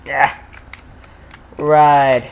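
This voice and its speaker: A young man chatting casually while playing a co-op game, excitable and quick to break into laughter. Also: medium pitch, creaky, muffled recording, background noise. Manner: excitable, bursts into loud laughter and shouts. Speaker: gamer recording co-op play. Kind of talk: casual gaming chat.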